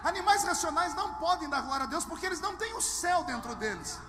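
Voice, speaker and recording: A pastor from Brazil preaching a dramatic sermon with humorous storytelling and acted dialogue, swinging between hushed tones and shouting. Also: male voice, very high voice, expressive, fast talker. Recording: live sermon with long hall reverb and music underneath.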